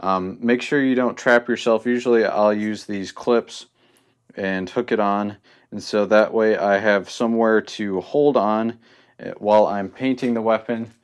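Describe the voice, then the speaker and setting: A man's voice: lowish voice, fairly even intonation, a little slow, smooth. A young man hosting a casual hobby tutorial, talking loosely with lots of ums and restarts as he explains his supplies.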